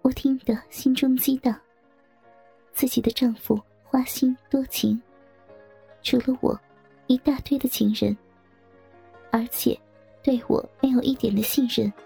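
A woman narrating a first-person audio story in a soft, intimate way over faint background music. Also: on the high side, vocal fry, breathy edge.

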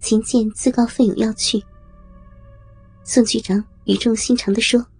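A woman narrating an audio story with a steady, measured reading. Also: on the high side, slightly rough. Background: faint music.

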